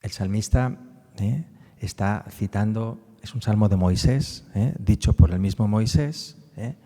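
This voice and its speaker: A man's voice: lowish voice, unhurried, warm tone, in a large hall. A man from giving a public talk about a book on the psalms, explaining as he goes and often tagging his sentences with little questions. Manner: explanatory, frequent tag questions. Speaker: speaker presenting a book on the psalms.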